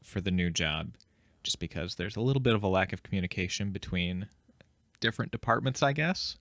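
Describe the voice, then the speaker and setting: This is a man with a deep voice talking casually on a podcast. His phrasing is informal and a little hesitant, as he works out what to say. The recording is dry and free of room sound. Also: animated, fairly quick, fairly bright tone, no echo. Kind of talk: casual chat.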